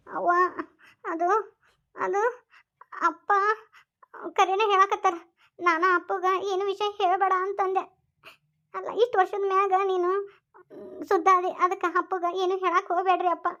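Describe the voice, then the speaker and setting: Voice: extremely high pitch, level tone, normal speed, long pauses, bright, forceful tone, muffled recording, exaggerated voice. A voice actor playing a remorseful young daughter with a North Karnataka accent. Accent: North Karnataka Kannada. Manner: hesitant, apologetic.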